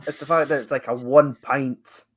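A Scottish man co-hosting a casual chat in a halting way. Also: mid-range voice, fairly even intonation, crowd noise. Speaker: podcast co-host.

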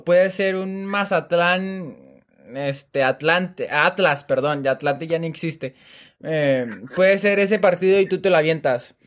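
A man, co-hosting a casual soccer chat podcast in a relaxed, chatty way with lots of fillers. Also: high voice. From Monterrey, Mexico. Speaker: podcast co-host.

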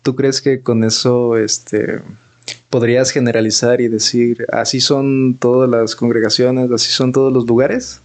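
A man co-hosting a casual podcast, asking slow questions and interjecting. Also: mid-range voice, little pitch movement. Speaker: podcast co-host. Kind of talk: casual conversation.

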